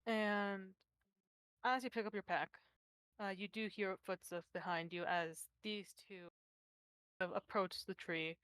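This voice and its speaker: A woman narrating as game master, slow and halting with many fillers. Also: medium pitch, steady tone, fairly bright tone, clear, resonant tone, dry recording.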